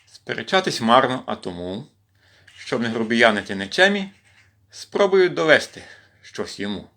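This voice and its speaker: Expressive man reciting poetry at home. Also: medium pitch, normal speed. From western Ukraine. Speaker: poetry reader in a volunteer series. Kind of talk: reciting poems in a home livestream. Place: at home with his cat.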